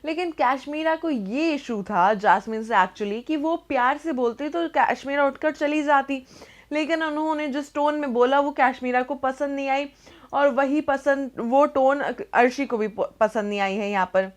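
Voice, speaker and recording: A woman's voice: sits high, moderate pace. A young adult woman presenting entertainment news in a chatty scripted narration, slipping English phrases into her talk.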